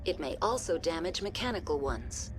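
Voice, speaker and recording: A woman plays a courteous, emotionless AI that runs a research station, reading formal, procedural system announcements in scripted video game dialogue. Her fairly low voice has a sing-song lilt at a moderate pace, and she sounds calm and impassive over music.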